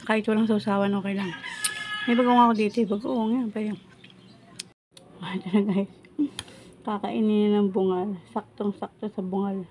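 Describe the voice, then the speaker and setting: A woman's voice: mid-range voice, little pitch movement, normal speed, long pauses, warm tone. A Filipino woman with the speech of someone missing upper front teeth, chatting casually to viewers in a food vlog. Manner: informal, chatty, talking to viewers while preparing and eating food. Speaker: vlogger. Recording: noisy home recording with roosters crowing. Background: background noise, chickens and roosters.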